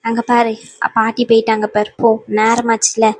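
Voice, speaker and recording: A woman playing a steady cartoon aunt who consoles the family with firm words. Her voice is higher than most, even and flat, and sounds dry. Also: moderate pace, no echo, close to an everyday voice.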